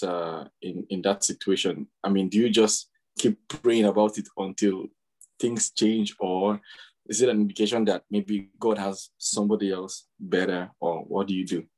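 Man, lowish voice, hesitant, halting question, moderator. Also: steady tone, a little mellow, rough recording. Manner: halting, many fillers and restarts.

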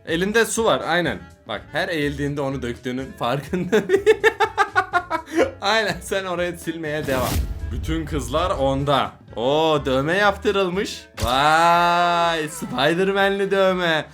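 Animated young Turkish man reacting, laughing. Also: fairly high pitch, slow pace, faint music behind. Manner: playful, laughs often, teasing the kids on screen. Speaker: YouTuber reacting to funny kid videos. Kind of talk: casual reaction commentary.

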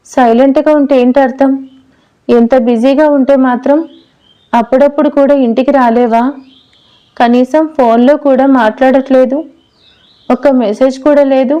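A woman's voice: sits high, dark tone, close to an everyday voice. A woman reading a storybook's demanding young pregnant wife, who wheedles and scolds her husband. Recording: dull lo-fi recording.

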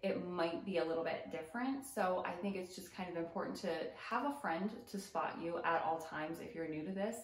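A woman yoga instructor giving casual, explanatory commentary with gentle cautions. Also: lowish voice, reverberant, low-quality recording. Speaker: yoga instructor reacting to videos.

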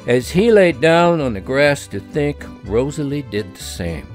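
A man reading a children's story aloud, expressive and gently explaining. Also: medium pitch, a little slow, soft background music.

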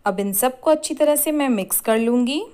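A woman hosting a cooking channel, giving clear step-by-step recipe instructions in a scripted voice-over. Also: high voice, a little fast, dark tone. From India.

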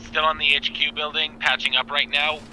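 Man on squad radio, terse reports, bright edge, faint noise. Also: on the high side, little pitch movement, a little fast, low-quality recording. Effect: over game voice radio. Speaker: squad member.

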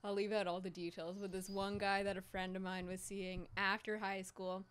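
A young woman co-hosting a casual podcast chat, laughing often and jumping into high voices when she quotes people. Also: little pitch movement, moderate pace, a bit bright, smooth. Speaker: podcast co-host.

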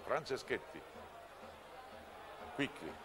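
A man's voice: mid-range voice, very animated, slow, a crowd in the background. A man giving live television football commentary, describing the play as it runs and adding reflective asides. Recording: noisy old TV broadcast audio. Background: outdoor stadium ambience.

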